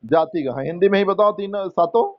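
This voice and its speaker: A man with an Indian accent teaching English grammar in a classroom, slowly coaxing students to answer and explaining rules in Hindi mixed with English terms. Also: high voice, lo-fi sound. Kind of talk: classroom lesson.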